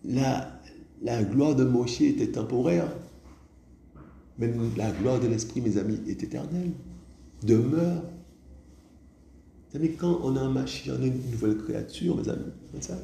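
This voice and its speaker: A man's voice: mid-range voice, moderate pace, creaky, pauses often, dark tone. A man preaching a sermon, who keeps asking his listeners whether they see it, calls them "my friends", and restarts his words often. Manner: repeats "vous voyez ça?" and "mes amis", with stammering restarts. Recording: echoey room with faint background noise.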